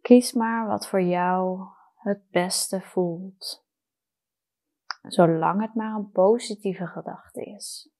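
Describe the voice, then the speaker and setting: A woman guiding a meditation in a soft, soothing, unhurried manner with long pauses. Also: mid-range voice, steady tone. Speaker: meditation guide. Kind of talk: guided meditation.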